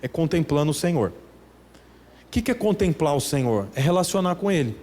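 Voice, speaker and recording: A man from Brazil preaching a church sermon as pastor, dropping into hushed mock prayers and rising as he drives his points home. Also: sing-song, brisk. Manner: acts out mock prayers in a hushed, pleading voice, then rises in pitch to preach.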